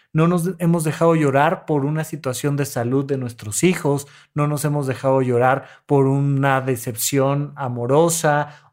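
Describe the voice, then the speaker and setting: A man's voice: medium pitch, a little mellow. A Mexican-accented male therapist on a podcast. He coaches his listeners in a demonstrative way and acts out breaths and sighs as he explains. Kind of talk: podcast talk on emotions.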